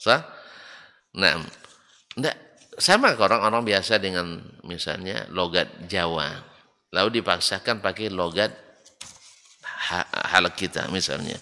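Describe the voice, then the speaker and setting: A male religious teacher lectures in a mosque hall, his low voice bright and forceful as it swings widely in pitch. He keeps asking his listeners quick rhetorical questions and answers them himself, while a long reverb trails every phrase. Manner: lively, asks the audience rhetorical questions and acts out both sides of an exchange.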